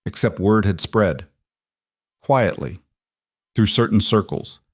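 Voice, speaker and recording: A man reading a dramatic story in a measured, even delivery. His voice sits low. The sound is dry and close. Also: no room sound. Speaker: narrator. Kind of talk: scripted story narration.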